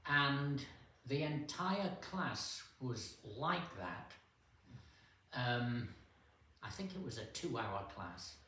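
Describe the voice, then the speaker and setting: An older man telling a relaxed story to a church men's group, unhurried, with pauses and fillers. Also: mid-range voice. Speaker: guest speaker at a men's fellowship. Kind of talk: casual storytelling talk. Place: church hall. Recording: echoey room, distant mic, faint hiss.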